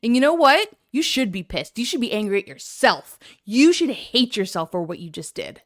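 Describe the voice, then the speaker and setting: A woman's voice: on the high side, big pitch swings, moderate pace. Sarcastic woman commenting on a clip. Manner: sarcastic, critical. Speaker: reaction video host.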